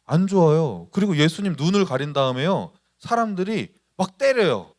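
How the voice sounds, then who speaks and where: A man's voice: fairly high pitch, lively intonation, moderate pace, darkish tone. A man preaching at a youth service, putting on voices for the people he quotes and asking the congregation questions. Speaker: pastor.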